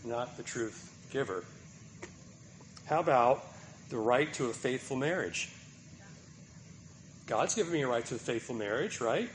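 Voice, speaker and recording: A man delivers a sermon at an ordinary middle pitch. He presses his points with rhetorical questions and keeps checking in with his listeners. A faint noise sits under the recording. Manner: rhetorical questions, emphatic, tag "right?". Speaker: preacher.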